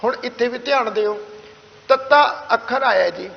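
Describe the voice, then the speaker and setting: A man with a Punjabi accent teaching the correct pronunciation of scripture, chanting lines slowly and then explaining them in a soft conversational tone. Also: very high voice, gravelly. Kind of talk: slow, careful recitation and explanation. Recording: dull, slightly lo-fi sound with long reverb.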